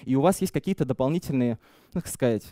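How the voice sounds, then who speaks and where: A man's voice: medium pitch, expressive, quick pace, warm tone, dry recording. A young man giving an informal tech talk at a conference on a headset mic, with many fillers and restarts. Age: young adult. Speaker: conference speaker. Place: conference stage.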